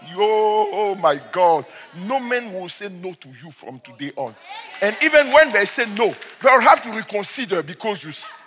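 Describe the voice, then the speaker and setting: A man preaching as a pastor, telling stories and moving from quiet asides to shouted declarations. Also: sits high, sing-song, moderate pace, in a large hall, soft background music. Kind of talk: sermon.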